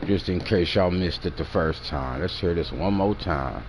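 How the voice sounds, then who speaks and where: A man's voice: low-pitched, moderate pace. A man hosting a live stream, reacting to a news clip with blunt, profane commentary. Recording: noisy background.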